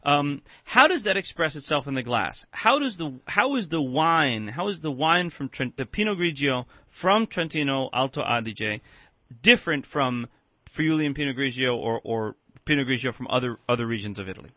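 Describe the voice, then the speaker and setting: A man's voice: medium pitch, animated, moderate pace, no echo. A man with an American accent hosting a casual radio interview. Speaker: radio show host. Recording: dull lo-fi radio sound.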